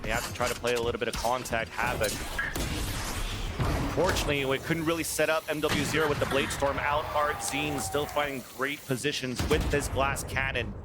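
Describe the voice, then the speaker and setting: A man giving excited play-by-play esports commentary on a video game match, with game sounds around him. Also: medium pitch, a little fast, heavy background noise. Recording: loud music and game sounds behind. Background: loud music, game sound effects.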